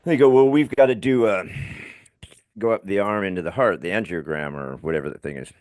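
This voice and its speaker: A man's voice: deep voice, fairly quick, darkish tone. A middle-aged man with a slight lisp, a podcast guest telling frank, self-deprecating stories in a conversational interview.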